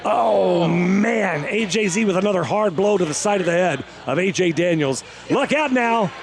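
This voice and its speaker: A man calling wrestling play-by-play as a commentator, excited and emphatic, breaking into shouts on the big moves. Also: high voice, moderate pace. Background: music, arena.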